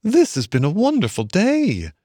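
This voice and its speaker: A man reading a storybook aloud, voicing a shy, excitable young male mole in a high, eager voice. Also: normal speed, dry recording, studio quality, heavily acted. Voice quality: high, eager, breathless delight.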